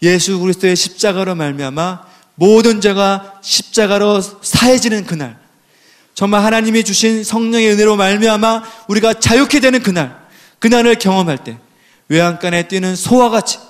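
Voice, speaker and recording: A pastor preaching a sermon, asking rhetorical questions and building to emphatic, raised passages. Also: male voice, high voice, normal speed.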